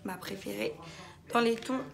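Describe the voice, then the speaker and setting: A woman's voice: medium pitch, normal speed, vocal fry. A woman hosting a makeup tutorial, narrating each step with little interjections and the odd whisper.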